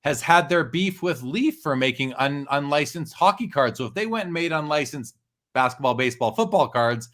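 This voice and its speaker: A man's voice: on the high side, expressive, moderate pace, a bit bright. A man casually discussing and explaining his views as a talkative, opinionated show commentator.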